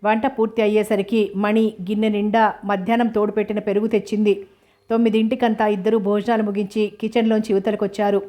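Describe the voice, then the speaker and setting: A woman reading a novel aloud as its narrator. Her delivery is steady and even, with a flat pitch line at a middle height. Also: fast.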